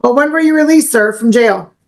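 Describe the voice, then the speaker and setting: A woman's voice: a little high, a little fast. A young woman judge speaking firmly and stating procedure in court. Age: young adult. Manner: firm, stern, procedural.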